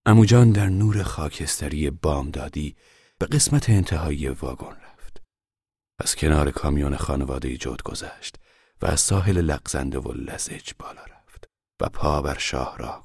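A man reading a novel aloud as narrator, calm and measured, often dropping to a hush. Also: rumbling low, creaky, husky, no room sound, studio quality. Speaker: audiobook narrator.

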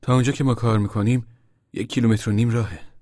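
A man voicing a young grown son who speaks quietly and in a subdued way. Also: mid-range voice, fairly even intonation, no echo, studio quality, voice pushed up, close to an everyday voice.

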